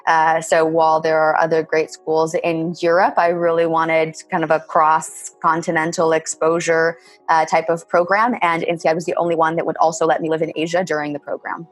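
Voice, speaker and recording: A woman around thirty, from Bulgaria and California, speaks in a low voice that stays level. She gives measured interview answers with a habit of saying "kind of." Faint music plays behind her. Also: flat delivery. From born in Bulgaria, raised in California. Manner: measured, often says "kind of". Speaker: MBA graduate interviewee.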